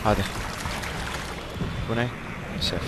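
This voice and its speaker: A man doing casual let's-play commentary, crude and swearing, with loud angry outbursts at the game. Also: slow pace, very noisy. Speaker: gameplay commentator. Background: game music and sound effects.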